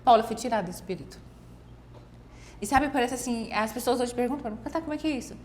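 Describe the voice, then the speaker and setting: Animated woman with a high voice. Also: fast. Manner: animated storyteller, quotes others often. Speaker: guest. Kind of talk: casual testimony in a faith conversation. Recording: faint background noise.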